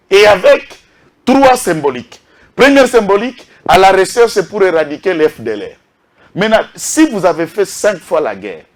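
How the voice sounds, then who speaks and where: Emphatic Congolese man, slightly high voice. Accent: Congolese French. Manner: emphatic, rhetorical questions, lists names with a repeated "est qui?". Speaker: political commentator. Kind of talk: impassioned political commentary.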